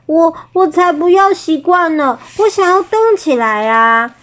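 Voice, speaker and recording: A woman's voice: very high-pitched, animated, unhurried, voice pushed up. A woman reading aloud, voicing a restless, eager young boy snowman who insists on moving. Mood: defiant.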